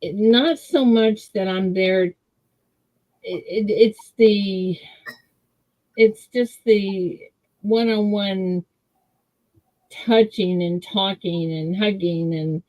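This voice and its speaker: A woman co-hosting a casual video-call chat, her voice muffled as if heard through a wall, slow and rambling. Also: medium pitch. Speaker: livestream co-host. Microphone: computer mic on a video call.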